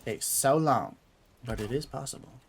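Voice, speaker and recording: A man's voice: medium pitch, normal speed, husky. A young man streaming a game, chatting casually and playfully, answering his chat as he goes.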